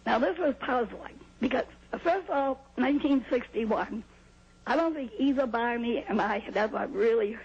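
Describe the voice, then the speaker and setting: An older woman from New Hampshire calmly recounting a personal experience in an interview, heard on an old VHS tape. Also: on the high side, moderate pace, slightly rough, highs cut off. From New Hampshire, USA. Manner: calm, plain storytelling with small laughs and restarts. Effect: old VHS tape sound. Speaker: interview guest.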